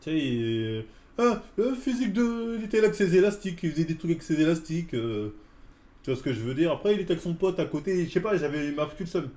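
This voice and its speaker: A man's voice: a little high, animated, fast, dark tone. A man in his forties ranting in casual slang on a live stream about a run-in at the gym. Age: 40s. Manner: slangy, heated street-style talk. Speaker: fitness streamer. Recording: echoey room.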